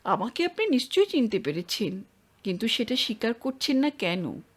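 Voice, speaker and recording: A woman's voice: fairly high pitch, big pitch swings, normal speed, breathy edge. A woman voicing a persistent young man in an audio story, questioning insistently. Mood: probing.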